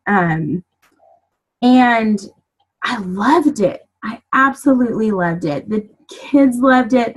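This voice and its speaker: Woman in her thirties, breathy, casual storytelling, chatty, animated asides. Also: medium pitch, low-quality recording. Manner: chatty, animated, many fillers and acted asides. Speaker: team leader giving a motivational talk.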